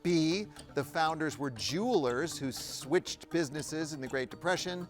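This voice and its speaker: A male quiz show host who narrates and reads out questions. He jokes with contestants and laughs often. His voice sits a bit high, and faint music plays underneath. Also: expressive, measured pace. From Evanston, Illinois. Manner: jokey and playful, laughs often. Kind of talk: game show hosting and narration.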